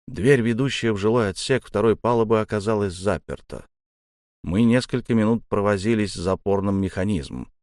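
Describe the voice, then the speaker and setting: A man giving a measured, first-person audiobook narration of a dark tale. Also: low-pitched, dry recording, clean studio sound.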